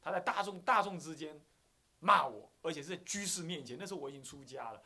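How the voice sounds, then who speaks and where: A man's voice: fairly high pitch, fast, creaky, sharp tone, a little hiss or hum. A man with a Taiwanese Mandarin accent, a Buddhist abbot lecturing who acts out little scenes and chuckles often.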